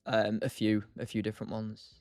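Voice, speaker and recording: A man's voice: lowish voice, completely flat delivery, moderate pace, darkish tone, no room sound, studio quality. A tired man hosting a live stream, thinking aloud and answering chat in a loose, casual way. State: tired, short on sleep. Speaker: streamer, day trader.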